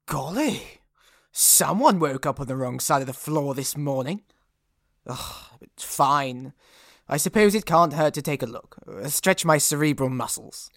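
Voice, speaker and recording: Comic audio drama: vain, petulant gentleman detective, played by a woman, highly animated, lower-pitched for a female voice, dry recording. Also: normal speed, no room sound. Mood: grudging, pompous. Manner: pompous, theatrical, petulant. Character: vain, lazy, pompous famous male detective.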